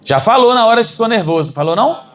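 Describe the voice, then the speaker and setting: A man's voice: very high-pitched, fast. A Brazilian man preaching a sermon to his congregation, calling them brothers and climbing to emphatic peaks. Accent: Brazilian Portuguese. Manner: animated, rising to emphatic peaks. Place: church.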